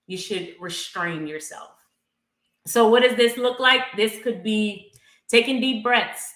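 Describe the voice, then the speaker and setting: A woman's voice: medium pitch, bright, forceful tone, echoey room, poor audio. A woman leading a casual bible study, talking conversationally and repeating key phrases for emphasis.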